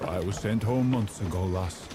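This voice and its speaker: Guy doing a gruff old soldier, real low voice, curt, loud street noise. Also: normal speed, lightly acted. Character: gruff discharged male soldier, dismissive.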